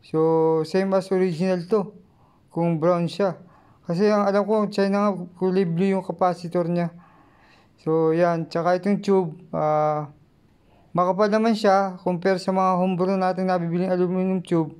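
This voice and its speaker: Casting: Filipino male hobby vlogger, higher-pitched voice, casual halting how-to delivery. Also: steady tone, a little mellow, clean tone. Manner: halting, repeats instructions politely. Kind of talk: casual unboxing and how-to vlog.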